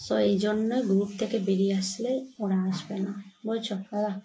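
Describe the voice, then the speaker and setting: A woman's voice: mid-range voice, flat delivery, brisk, warm tone, slight background noise. A young woman, chatting casually to viewers on a livestream from her home phone, still shaken and scared. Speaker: livestream host.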